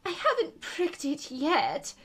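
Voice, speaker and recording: A woman voicing a flighty, excitable, self-assured old queen in a theatrical storybook reading, with an emphatic, squeal-prone manner. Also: high-pitched, slow, pitched above the performer's own voice, full character voice. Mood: wailing, distressed.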